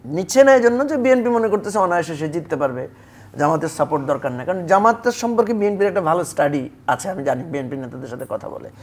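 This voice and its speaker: A man's voice: on the high side, animated, fast talker. A man debating politics as a guest on a television talk show, arguing with rhetorical questions.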